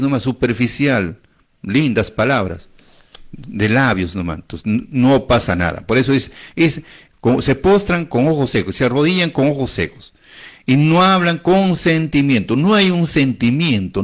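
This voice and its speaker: Man, preacher, sermon, emphatic, repeats phrases, rhetorical questions, middle pitch. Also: animated, moderate pace.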